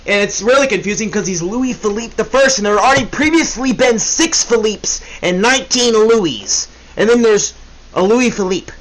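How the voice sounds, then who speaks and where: Young man, podcast host, casual history chat, rambling, joking, slightly high voice. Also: expressive, moderate pace, low-quality recording. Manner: rambling, joking, self-correcting. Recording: faint hiss.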